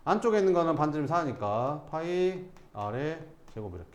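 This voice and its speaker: A man's voice: on the high side, sing-song, moderate pace, reverberant, highs cut off. A male math teacher giving a classroom lesson, casually questioning students and answering himself.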